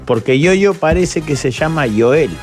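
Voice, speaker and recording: A man's voice: fairly high pitch, lively intonation, unhurried, darkish tone. Brief: Uruguayan male radio host, teasing storyteller, music bed faint under the studio chat. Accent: Uruguayan Rioplatense Spanish. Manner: teasing, storytelling, laughs often. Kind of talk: casual studio banter.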